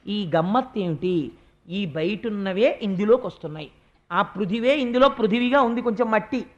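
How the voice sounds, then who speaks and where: A man's voice: extremely high pitch, a bit bright, dull audio. A man with a Telugu accent giving a devotional discourse, asking rhetorical questions and acting out everyday speech. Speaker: spiritual discourse speaker. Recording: archival discourse audio.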